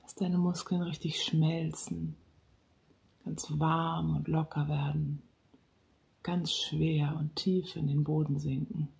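A relaxation guide speaking softly and slowly, sometimes dropping into a whisper, leading a guided relaxation. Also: mid-range voice, little pitch movement, creaky, rough recording. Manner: slow, soft-spoken, partly whispered.

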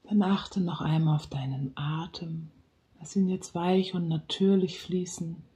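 A relaxation guide speaking softly and slowly, sometimes dropping into a whisper, leading a guided relaxation. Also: mid-range voice, fairly even intonation. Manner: slow, soft-spoken, partly whispered.

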